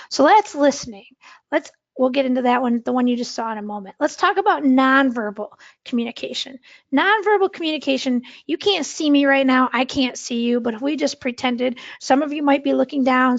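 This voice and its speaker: A woman's voice: sits high, gravelly, no room sound, lo-fi sound. A middle-aged woman giving an online workshop lecture in a conversational way, checking in with "okay?" and demonstrating tones of voice. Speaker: workshop instructor.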